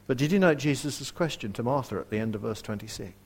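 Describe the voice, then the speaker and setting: A man preaching a sermon in an earnest way, asking his listeners direct questions and dropping to a hush for quoted verses. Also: medium pitch, expressive, fast talker, husky. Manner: varies loudness widely, dropping to a near whisper for quoted verses.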